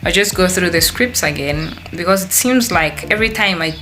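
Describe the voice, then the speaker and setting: A woman's voice: lowish voice, lively intonation, moderate pace, pushed and bright. A woman talking to her phone camera at home in a chatty, rambling, self-deprecating vlog. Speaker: vlogger. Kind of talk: casual vlog talk. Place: at home at a work table, indoors. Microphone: phone camera on a tripod.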